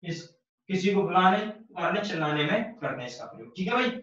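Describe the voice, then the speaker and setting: A high-pitched male teacher gives a patient grammar lesson, repeating each point and posing his own questions. His voice rings around a very echoey room. The sound is dull and distant, as if the mic sits well away from him. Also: expressive, fairly quick, fairly bright tone. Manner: explains patiently, repeats key phrases, asks and answers his own questions. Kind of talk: online Hindi grammar lesson.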